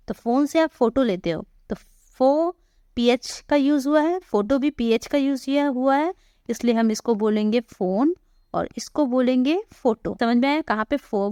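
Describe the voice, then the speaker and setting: A woman teaching an English pronunciation lesson, patiently repeating example words slowly and asking her viewers questions. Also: fairly high pitch, a little mellow, clean tone, no room sound, clean studio sound.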